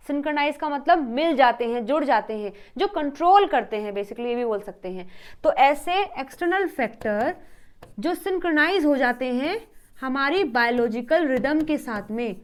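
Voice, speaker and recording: A woman giving an exam-prep lecture, asking questions and then answering them herself, and repeating her key points. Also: sits high. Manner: mixes English terms into Hindi explanation. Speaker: teacher.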